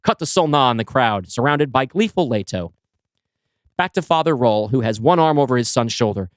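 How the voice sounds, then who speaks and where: A man on a podcast he co-hosts takes his partner through his screenplay, reading scenes with an expressive, storytelling delivery and frequent fillers. He talks at medium pitch and normal speed, in a dry, studio-quality recording.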